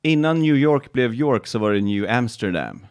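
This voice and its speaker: A Swedish man with a Swedish accent, co-hosting a podcast with playful, quick banter. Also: medium pitch, animated, clean tone. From Sweden. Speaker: podcast co-host. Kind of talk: casual comedic chat.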